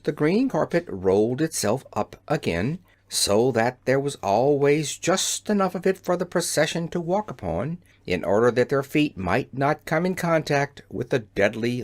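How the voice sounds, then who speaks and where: A narrator giving a measured, expressive storybook reading. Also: medium pitch. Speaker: audiobook narrator.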